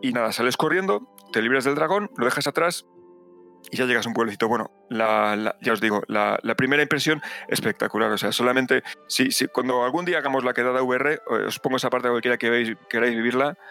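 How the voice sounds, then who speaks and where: A man tells a game story in a casual podcast. His voice is bright and forceful, and he keeps acting out little asides. Faint music runs underneath. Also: medium pitch, quick pace. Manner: animated storytelling with acted asides. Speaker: podcast host. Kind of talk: casual chat.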